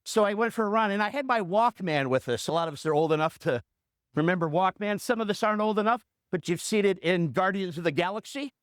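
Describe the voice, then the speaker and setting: A coach and radio host in his fifties tells a motivational story, animated and fast, driving his points with punchy repetition. His voice sits high and sounds smooth, recorded at studio quality with no echo.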